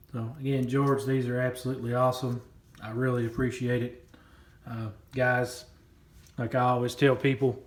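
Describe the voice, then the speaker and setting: In a reverberant space, a man with a mid-range voice unboxes a package for his coin collecting vlog, talking casually, wandering off track and saying things more than once.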